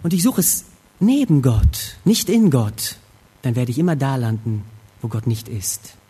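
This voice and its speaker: A man preaching a sermon, retelling a scripture scene expressively and swinging between hushed reflection and emphatic lines. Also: mid-range voice, expressive, a little slow, husky.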